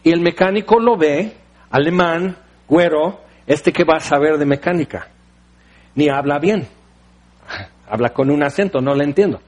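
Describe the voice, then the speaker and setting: High-voiced Mexican man preaching. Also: moderate pace, a little mellow. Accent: Mexican Spanish. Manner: storytelling with vivid everyday analogies and rhetorical questions. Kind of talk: sermon.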